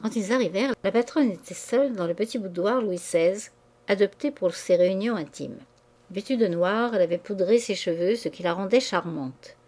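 Female audiobook narrator; measured, even, mid-pitched. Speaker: audiobook reader.

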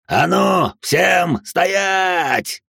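A snarling old cult villain, as the narrator puts him on, raised a little above his plain voice. He growls and shouts his threats in slow, drawn-out bursts. The recording is dry and close. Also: a little high, lively intonation, no echo, pitched above the performer's own voice. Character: vengeful old male cult leader.

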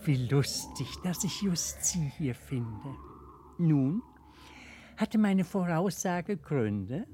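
A man's voice: on the high side, expressive, very slow, dark tone, a little hiss or hum. An actor playing an eerie, mockingly courteous male stranger in a radio drama, polite and insinuating, dropping into whispers. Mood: slyly amused. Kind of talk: theatrical radio drama acting.

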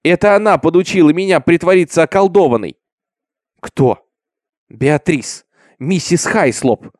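A man's voice: fairly high pitch, a little slow, dry recording, clean studio sound, close to an everyday voice. A man voicing a terrified young peasant girl accused of witchcraft, pleading and stammering. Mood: confessing.

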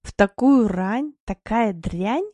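Grumbly sleepy wife in a storybook, voiced by a woman; warm and dry. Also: fairly high pitch, animated, moderate pace, no echo. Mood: grumbling. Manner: grumbling, mock-complaining. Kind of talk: audiobook narration.

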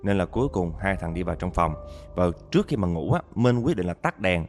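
A man's voice: low-pitched, sing-song, brisk, creaky, faint music behind. A man narrating a listener's ghost story, talking straight to his audience with dramatic storytelling.

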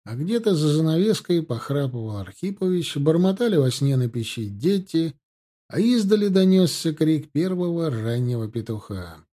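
A man narrating an audiobook in a calm, even reading voice. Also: on the high side, moderate pace. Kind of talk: scripted narration.

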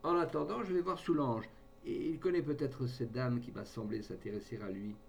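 A man's voice: medium pitch, fairly even intonation, moderate pace, gravelly, darkish tone, a little hiss or hum, lightly acted. A man reading aloud voices a gallant, blunt cavalry colonel, unsure with ladies and bluff with friends. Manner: hesitant with women, bluff with friends.

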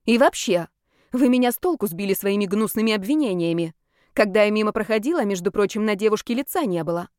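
A woman voicing a sharp-tongued, indignant young mother. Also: mid-range voice, lively intonation, fast talker, dry recording, studio quality, natural voice. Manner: indignant, scolding.

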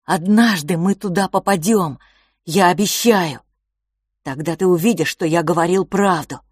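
A woman voicing an impassioned young boy, a dreamer quick to anger, pleading near tears in an audiobook. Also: fairly low pitch, slightly rough, no room sound, studio quality. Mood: agitated pleading. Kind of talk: audiobook character voice.

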